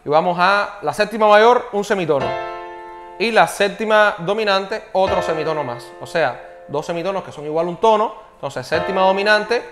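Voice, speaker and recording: Hombre que enseña piano, voz algo aguda. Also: male voice, sits high, expressive, moderate pace. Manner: explanatory, checks in with frequent "¿ok?". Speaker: piano teacher. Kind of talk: online piano tutorial.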